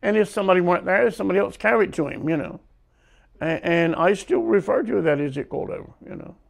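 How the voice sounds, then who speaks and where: A man's voice: high-pitched, fast, vocal fry. An older man with an Ocracoke brogue, reminiscing in an interview indoors. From Ocracoke Island, North Carolina. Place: small living room, indoors.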